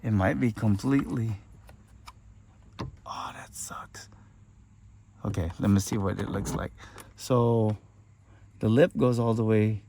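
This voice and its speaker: A man's voice: lowish voice, creaky, slight background noise. A sleepy man hosting a casual car-build vlog, joking and talking as he works on a car in his home garage. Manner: laid-back, joking, talks while working. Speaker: car channel host.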